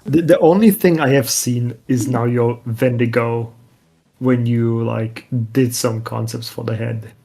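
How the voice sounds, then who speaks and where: A man's voice: mid-range voice, fairly even intonation, unhurried, vocal fry, warm tone. A male creature artist chatting casually on a stream, with dry, offhand teasing. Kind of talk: casual chat on a live stream.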